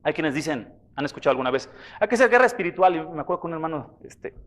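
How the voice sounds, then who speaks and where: Male pastor, lighter high voice, chatty preaching style. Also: big pitch swings, racing, fairly bright tone. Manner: conversational preaching, addresses listeners as brothers. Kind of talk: sermon.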